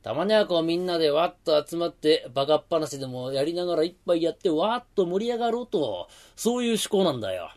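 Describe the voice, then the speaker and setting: A man doing a gruff Edo tenement ringleader. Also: on the high side, very animated, fast talker, hardly any pauses, a little mellow. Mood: coaxing. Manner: gruff, bossy, rough-tongued.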